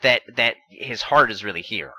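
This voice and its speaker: A man's voice: fairly low pitch, expressive, moderate pace, sharp tone, no room sound, rough recording. A man in casual podcast chat, enthusiastic and hedging as he talks through his views.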